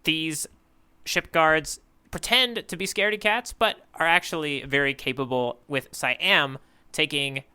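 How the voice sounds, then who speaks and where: A man co-hosts a podcast, recapping a manga chapter in a casual, rambling chat full of fillers and easy laughter. His voice sits on the high side, sharp yet clear and resonant, and he speaks at a measured pace.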